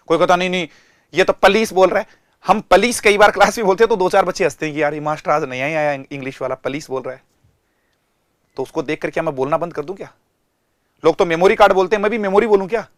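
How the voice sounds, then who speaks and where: A man with an Indian accent teaching an online language lesson in a lively, teasing, mock-exasperated way. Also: high voice, fast, dry recording, clean studio sound.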